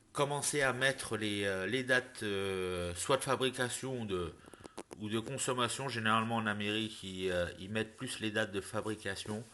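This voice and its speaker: A man's voice: mid-range voice, sharp tone. A man giving a casual product review to his viewers, hesitant with lots of fillers and restarts, but enthusiastic when recommending. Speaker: vlogger reviewing e-liquids.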